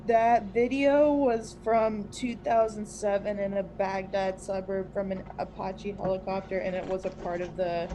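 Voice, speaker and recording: A woman on a group chat, calmly explaining background details. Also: medium pitch, unhurried, few pauses, noisy background.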